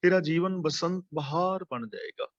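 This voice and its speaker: An earnest man giving a Sikh religious discourse, his voice sitting a little high. He repeats key lines for emphasis. The recording is dull and lo-fi. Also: moderate pace. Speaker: Sikh preacher. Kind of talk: Gurbani discourse.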